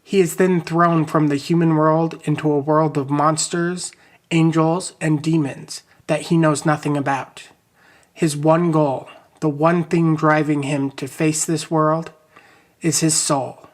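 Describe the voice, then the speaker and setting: A man's voice: a little high, unhurried. Man hosting, reading from his novel. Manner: upbeat sign-off, then steady reading aloud. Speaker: podcast host.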